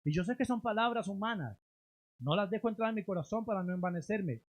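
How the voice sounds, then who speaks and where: A man preaching a sermon as a pastor in a church, rising to loud emphatic lines and then dropping to low, drawn-out endings. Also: expressive. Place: church sanctuary.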